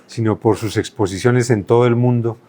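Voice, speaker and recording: A man's voice: medium pitch, steady tone, normal speed, mellow. A man hosting a formal newspaper interview, polite and deferential toward his guest. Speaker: interviewer, host.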